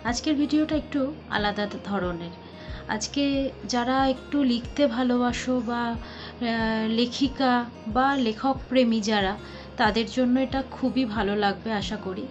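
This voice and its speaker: A high-voiced woman in her thirties, speaking, chats casually to her vlog audience. She hesitates often and restarts her sentences. The recording is slightly muffled, and soft music plays in the background. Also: measured pace. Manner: chatty, with many hesitation sounds and restarts. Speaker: vlogger. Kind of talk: casual vlog chat showing books. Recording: slightly dull lo-fi sound with faint music.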